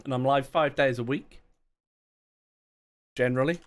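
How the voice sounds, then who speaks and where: Chatting loosely during a live gaming stream, a man wanders from topic to topic, mocks himself, and laughs frequently. He speaks at a measured pace in a steady, medium-pitched voice.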